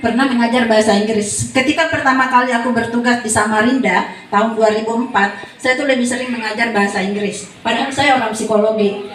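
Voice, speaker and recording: A woman's voice: high voice, a little hiss or hum. A woman in her forties, a psychology lecturer giving a chatty, joking seminar talk and quizzing her audience. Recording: very echoey hall, voice far from mic.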